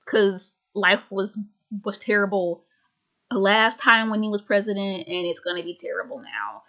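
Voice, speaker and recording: A woman's voice: mid-range voice, normal speed, fairly bright tone. A woman of twenty-five ranting casually to camera, rambling and sardonic, with many restarts and stammers. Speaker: vlogger.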